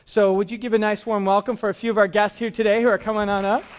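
High-voiced man hosting a church service. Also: little pitch movement, fast, muffled recording, background noise. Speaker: church host. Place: church sanctuary.

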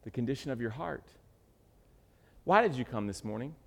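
A man preaching a sermon, joking with the congregation and swinging from loud bursts to hushed asides. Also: medium pitch, lively intonation, normal speed, creaky. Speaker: pastor. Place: church sanctuary. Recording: reverberant hall.

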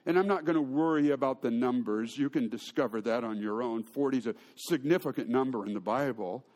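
A man's voice: mid-range voice, brisk, darkish tone. A man preaching a sermon, telling stories with humor and often restarting his sentences. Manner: storytelling with humor and frequent restarts. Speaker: pastor.

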